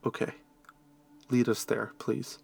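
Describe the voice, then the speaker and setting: A man voicing a shy, guarded young woman who mumbles softly. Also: mid-range voice, flat delivery, takes it slowly, creaky, dry recording, exaggerated voice. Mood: timid.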